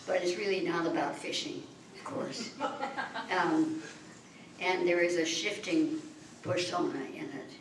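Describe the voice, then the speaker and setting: An older woman at a library open mic, reading free verse in a measured, deliberate way with pauses between phrases. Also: lowish voice. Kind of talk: slow, measured poetry reading. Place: library meeting room, at a podium. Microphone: podium mic, far camera. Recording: echoey room from far off, faint hiss.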